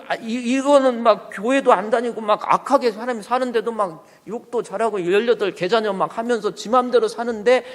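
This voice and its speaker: A male pastor with a high voice delivers an animated sermon and keeps firing rhetorical questions at the congregation. The sound carries a long reverb from a church sanctuary. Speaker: senior pastor.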